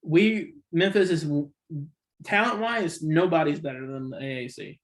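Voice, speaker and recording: A man's voice: fairly high pitch, moderate pace. A man hosting a casual sports podcast, rambling and opinionated, correcting himself often, with the hiccups. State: has the hiccups. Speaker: podcast host.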